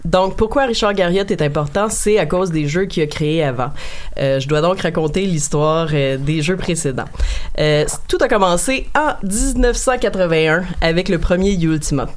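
A woman's voice: fairly low pitch, normal speed. A woman with a Quebec French accent who pronounces English words with an English accent, giving a casual, joking game review among co-hosts. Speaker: video game columnist on a show.

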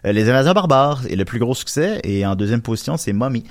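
A man's voice: medium pitch, expressive, quick pace, dry recording, studio quality. A man with a Quebec French accent hosting a casual chat show, rambling with many fillers and restarts. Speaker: podcast host. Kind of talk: casual chat about box office.

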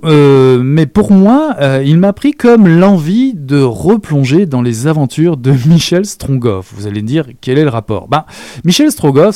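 A man's voice: mid-range voice, dark tone, no echo, clean studio sound. A man presenting and reviewing a novel in a casual, chatty way, with many hesitations and self-corrections. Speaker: book reviewer. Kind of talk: book review chat with a read excerpt.

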